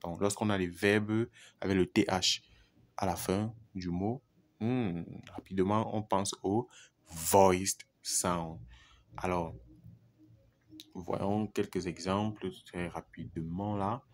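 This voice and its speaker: A man teaching English pronunciation who repeats each example word deliberately and addresses the viewer informally. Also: low voice, steady tone, a little hiss or hum. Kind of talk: pronunciation lesson.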